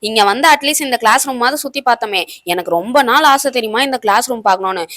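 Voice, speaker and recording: A woman voicing chatty, curious teenage schoolgirls in a doll video, in a quick, chirpy manner. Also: fairly high pitch, fairly bright tone, dry recording, clean studio sound, natural voice. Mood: content.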